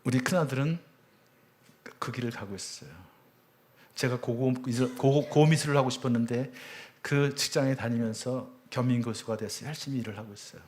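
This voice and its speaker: Earnest middle-aged man giving testimony. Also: moderate pace. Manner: earnest storytelling, voice swelling high on emotional peaks; drops to a hushed near-whisper at tender moments. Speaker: church elder giving testimony. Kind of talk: personal testimony talk.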